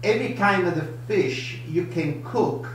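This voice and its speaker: An older man with a strong Italian accent chats through a live cooking show in lively, broken English, his voice sitting fairly high for a man. He is heard from across a home kitchen, with heavy room echo and a faint hiss behind him. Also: measured pace, distant mic. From Italy. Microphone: camera across the counter. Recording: echoey kitchen, voice from afar.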